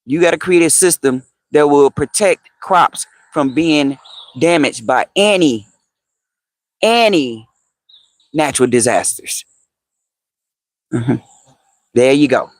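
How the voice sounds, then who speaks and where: Slow-talking man chatting on a livestream. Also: on the high side, lively intonation, no room sound. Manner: chatty, answers viewer comments, repeats phrases, laughs often. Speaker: livestream host. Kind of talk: casual livestream chat with viewers.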